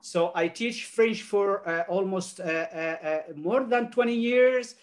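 On a video call from his home office, an older man whose first language is Arabic speaks as a panelist giving his remarks. His high voice comes out halting and earnest, full of restarts and fillers.

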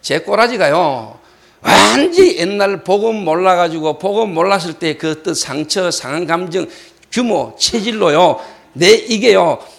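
A male pastor telling a personal story in a sermon and acting out shouted quotes. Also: high voice, animated, measured pace, creaky. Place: church hall.

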